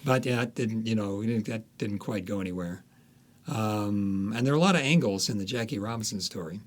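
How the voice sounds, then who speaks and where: In a lowish voice and at a fairly quick pace, an interviewed author spins conversational stories. He brings them alive with animated retellings and quoted asides.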